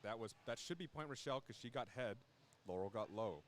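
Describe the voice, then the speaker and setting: A man's voice: mid-range voice, lively intonation, brisk, slight background noise. A man doing casual live commentary at a fencing tournament, chatty and joking as he plays with the soundboard.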